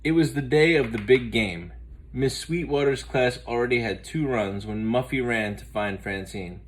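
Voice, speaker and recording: Reading a children's picture book with lively, expressive storytelling, a man speaks at medium pitch and a moderate pace. The audio is poor, with slight background noise.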